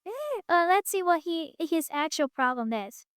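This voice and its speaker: A woman with a very high voice riffs sarcastically on a video she is watching, laughing often and swearing casually. Her voice sounds close and dry, with no room around it. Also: big pitch swings, normal speed, no echo. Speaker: reaction video host. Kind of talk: casual reaction commentary.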